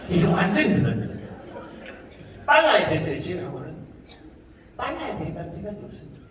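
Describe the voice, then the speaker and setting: Male comedian, slightly high voice, playful talk-concert delivery, distant hall recording with background noise. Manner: animated, jokey, mimics regional speech in quick asides. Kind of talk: stand-up talk to a live audience. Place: large hall with a live audience. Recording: echoey hall audio with noise, from far off.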